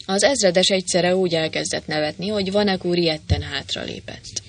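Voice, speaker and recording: A reader narrating a comic adventure novel aloud, with playful, lively voicing of the dialogue. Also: medium pitch. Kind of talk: audiobook narration with character voices.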